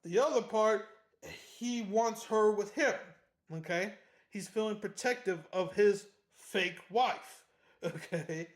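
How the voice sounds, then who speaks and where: A book reviewer giving a casual, animated chapter recap, slangy and laughing often. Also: mid-range voice, slow pace. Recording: roomy echo.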